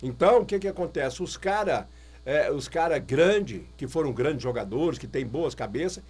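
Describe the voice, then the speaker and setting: A man's voice: a little high, expressive, normal speed, darkish tone, husky. A man from Brazil talking football on the radio as a guest, emphatic and opinionated, repeating his points. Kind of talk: casual radio chat.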